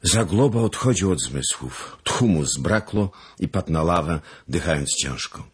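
A man narrating a historical novel as an audiobook, dramatic and expressive. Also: very deep voice, unhurried, breathy edge.

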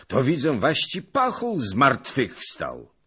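A man voicing a jovial, boastful old nobleman who banters loudly and mock-solemnly, in a husky voice. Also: mid-range voice, huge pitch swings, slow pace, voice pushed up, exaggerated voice. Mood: jovial teasing.

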